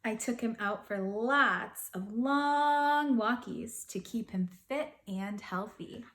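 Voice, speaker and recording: A woman reading a picture book aloud to schoolchildren in an expressive storytelling manner, with dramatic pauses. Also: fairly high pitch. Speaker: school counselor reading to students.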